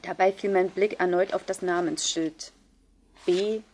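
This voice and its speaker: A woman reading a first-person novel aloud in a measured, subdued way. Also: lowish voice, fairly even intonation, a little mellow, slight background noise. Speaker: audiobook reader. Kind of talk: scripted first-person narration.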